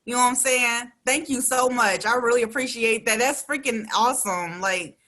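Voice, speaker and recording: Bright-voiced woman radio host. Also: on the high side, normal speed. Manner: chatty, slangy, laughs between lines. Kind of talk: casual radio interview.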